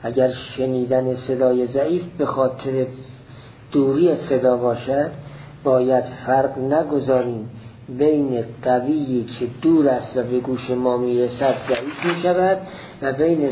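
A man teaching a classical philosophy text in a slow, deliberate lecture, repeating each point step by step. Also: mid-range voice, lo-fi sound, slight background noise.

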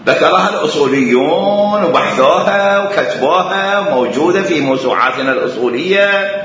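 Iraqi guy lecturing on religion, high lively voice that swoops around, dull lo-fi sound. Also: normal speed, slight background noise. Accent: Iraqi Arabic. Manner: emphatic, repeats phrases for stress. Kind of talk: lecture on Islamic jurisprudence. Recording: echoey hall, dull lo-fi sound.

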